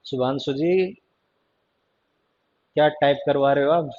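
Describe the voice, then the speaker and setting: A man's voice: medium pitch, level tone, unhurried, darkish tone. A man teaching English grammar in a live online class, chatty and teasing, repeating cues to pay attention. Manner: teasing, chatty, keeps repeating "ध्यान देना" and "ठीक है जी". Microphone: online class stream mic. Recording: dull lo-fi stream audio.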